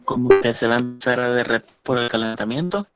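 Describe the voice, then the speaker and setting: A man's voice: mid-range voice, fast, over loud music. A male student answering hesitantly in an online class, his voice breaking up over a bad call connection. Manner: hesitant, searching for words. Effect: choppy bad call connection. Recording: dull, choppy video-call audio.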